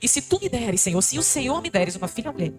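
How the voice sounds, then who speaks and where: Woman, Brazilian accent, missionary preacher, emotional testimony, very fast, music behind. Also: on the high side, sing-song. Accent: Brazilian Portuguese. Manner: fervent, addresses the congregation as brothers. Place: church congregation.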